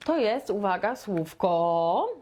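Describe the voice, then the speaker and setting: A woman from Poland teaching a beginner English lesson, chatty and playful, stretching out her model sentences very slowly. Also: mid-range voice, expressive, darkish tone. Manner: slow, deliberate, with very drawn-out model sentences; chatty and playful, with sound effects.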